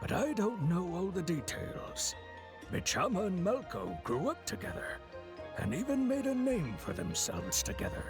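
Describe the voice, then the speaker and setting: An actor voicing a gravelly old male villager in a video game, recounting events in a measured, solemn way, with game music playing behind. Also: sits high, huge pitch swings, heavily acted. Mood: somber recounting. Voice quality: gravelly, creaky.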